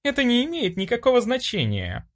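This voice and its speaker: Man voicing a young woman, high voice, lively pitch, bossy, self-assured, audiobook figure. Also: fairly quick, exaggerated voice. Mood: haughty. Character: brash young woman, priest's daughter.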